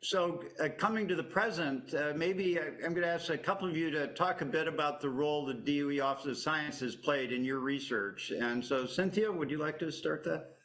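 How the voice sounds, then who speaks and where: Over a video call, a man moderates a virtual science panel in a measured way, pausing often and using frequent fillers. His voice is fairly high in pitch with a fairly bright tone.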